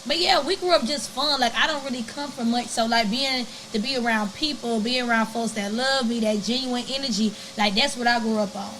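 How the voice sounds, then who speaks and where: Playful young woman, high voice. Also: brisk, hardly any pauses, background noise. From born in Maryland, raised in Atlanta. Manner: playful, teasing, talkative. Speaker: guest rap artist. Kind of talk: casual interview chat.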